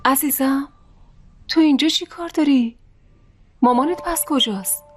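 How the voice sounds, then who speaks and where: Woman voicing a gentle caring young mother. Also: high-pitched, slight background noise, close to an everyday voice. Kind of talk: dubbed TV drama. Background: faint music.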